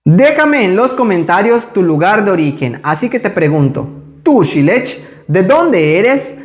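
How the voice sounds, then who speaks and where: A man teaching a language lesson, speaking slowly and carefully when he pronounces each example. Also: high-pitched, very animated. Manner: slow, careful pronunciation of examples. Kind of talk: scripted lesson.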